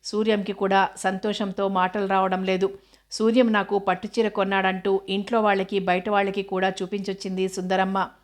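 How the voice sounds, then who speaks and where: A woman narrating a story in a steady, unhurried reading. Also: medium pitch.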